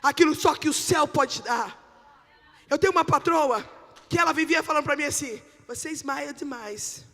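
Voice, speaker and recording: A woman's voice: sits high, brisk. Fervent woman pastor preaching. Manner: impassioned preaching, swinging from shouted exhortation to lively storytelling. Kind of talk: sermon with personal testimony. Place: church sanctuary. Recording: long reverb of a church hall.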